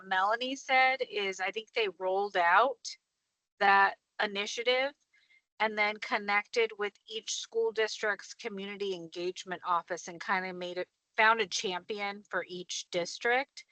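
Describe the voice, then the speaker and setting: A woman speaking at a council meeting over a call from her car while driving, apologetic and quick to clarify herself. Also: a little high, sharp tone, dry recording, poor audio. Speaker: state senator on a council call. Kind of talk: meeting discussion.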